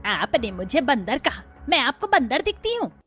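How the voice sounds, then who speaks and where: A woman voicing a stern, food-loving older mother-in-law in an animated family drama, talking in a bossy, demanding way. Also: high voice, moderate pace, faint music behind. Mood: indignant.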